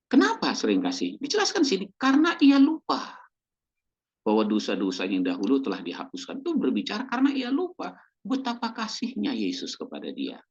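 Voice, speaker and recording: Husky pastor preaching with lively pitch. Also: male voice, muffled recording. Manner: conversational, checks in with the congregation; acts out short quoted voices. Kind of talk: sermon.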